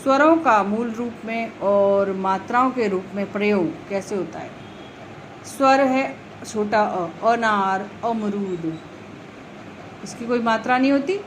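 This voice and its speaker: A woman's voice: medium pitch, slow, slight background noise, rough recording. A woman teaching a grammar lesson to young schoolchildren, patiently repeating letters and example words. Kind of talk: explaining Hindi grammar to young children.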